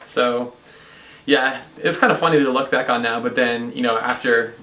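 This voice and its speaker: A young man hosting a comedic cartoon review, talking in an excited, mock-indignant way. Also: mid-range voice, normal speed, reverberant, poor audio.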